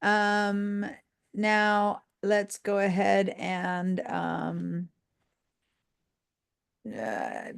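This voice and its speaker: A woman teaching a design software class over a video call, tired and a little scattered. Her voice is heavily gravelly, and she rambles with lots of fillers and restarts as she explains. She sounds like she is talking into a computer mic. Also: mid-range voice. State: sleep-deprived and tired. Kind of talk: live online class.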